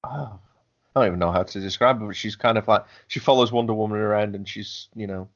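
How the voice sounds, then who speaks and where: A lowish, steady-toned man speaks at a quick pace as a podcast co-host, rambling about films with plenty of fillers and restarts. His voice sounds a bit bright on a lo-fi recording.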